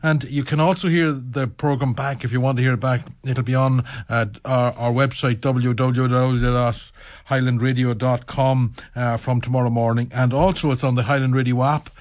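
A man with a Donegal accent hosts a live local radio sports programme. His voice sits at a middle pitch, and he goes about things in a halting, roundabout way, repeating and correcting himself. The sound is dry and studio-close. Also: steady tone, no echo. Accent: Donegal Irish.

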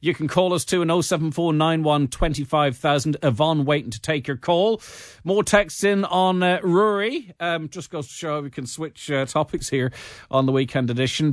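A man hosting a live radio interview, chatty and relaxed with some fillers. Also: fairly high pitch, moderate pace, no echo, clean studio sound. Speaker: radio host.

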